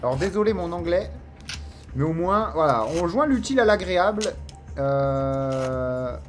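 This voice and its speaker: A man in his twenties from France, hosting a gambling video with excited running commentary and bursting into shouts at wins. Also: fairly high pitch, measured pace, faint music behind. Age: 20s.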